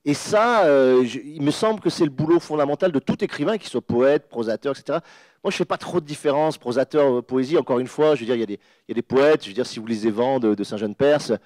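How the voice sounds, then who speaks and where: Guy on a panel talking it through, keeps restarting and repeating, mid pitch, dry close sound. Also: darkish tone, no room sound. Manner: emphatic, restarts and repeats words, acts out sounds. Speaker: guest author on a panel. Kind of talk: animated lecture-style explanation.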